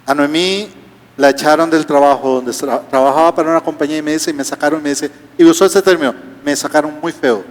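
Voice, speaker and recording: A man's voice: fairly high pitch, fairly even intonation, fast. A male pastor, preaching a sermon with rhetorical questions and humorous asides. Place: church auditorium. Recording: reverberant church hall.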